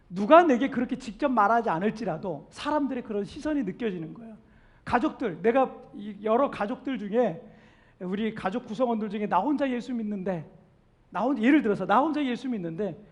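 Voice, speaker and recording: A young man from Korea preaching a sermon as pastor, earnest and acting out quoted voices with rising emphasis. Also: very high-pitched. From South Korea.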